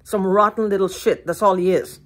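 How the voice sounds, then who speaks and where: Holding her phone at arm's length in her living room at home, an older woman vlogger delivers an agitated, rambling monologue to the camera. She is heated, profane and repetitive, her throat hoarse, though her mid-range voice keeps a steady tone and a moderate pace.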